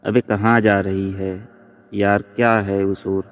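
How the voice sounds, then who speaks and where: A man voicing an excitable young woman who pleads with her friend. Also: on the low side, slow pace. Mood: eager. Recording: long reverb.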